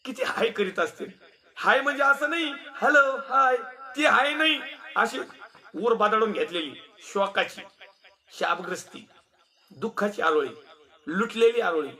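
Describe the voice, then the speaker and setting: A man's voice: high voice, expressive, unhurried, long pauses, sharp tone. A male pastor preaching a sermon in a mocking, scolding way, often laughing as he talks.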